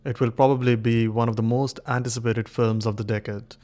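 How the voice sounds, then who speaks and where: Man, scripted video-essay narration, brisk and earnest, mid-pitched voice, quick delivery. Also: flat delivery, dark tone.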